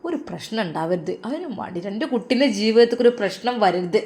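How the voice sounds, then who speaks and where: A woman's voice: medium pitch, very animated, fast talker, warm tone. A woman voicing a caring, worried grandmother who coaxes her family tenderly, with a Malappuram accent. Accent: Malappuram Malayalam. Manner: coaxing, tender.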